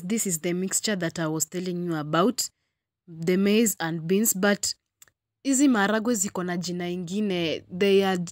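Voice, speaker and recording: A woman's voice: lowish voice, no echo, clean studio sound. A young woman with a Kenyan accent, chatting casually to viewers as she cooks in a small home kitchen, dropping in Swahili words. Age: young adult. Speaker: cooking vlogger. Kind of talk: casual cooking vlog chat. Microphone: phone camera at arm's length.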